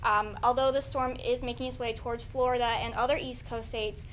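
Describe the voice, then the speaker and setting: A woman anchors a live news update in a fairly high voice. Her delivery is semi-scripted and a little hesitant, with faint noise behind her. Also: steady tone, fairly quick.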